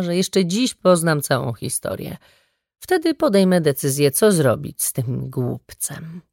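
A woman's voice: lowish voice, a little mellow, no room sound. Woman narrating an audiobook dry and close. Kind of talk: scripted first-person narration.

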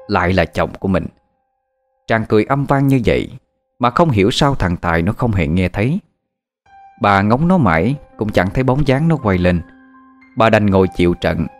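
A man narrating a horror story in a dramatic, suspenseful way. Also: on the low side.

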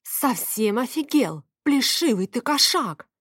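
A woman reading the part of a hot-tempered young woman who shouts and scolds sharply in an audiobook. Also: fairly high pitch, very animated, takes it slowly, slightly rough, no room sound, studio quality, pitched above the performer's own voice, exaggerated voice. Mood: angry. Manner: loud scolding, sharp and exasperated. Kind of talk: audiobook character voice.

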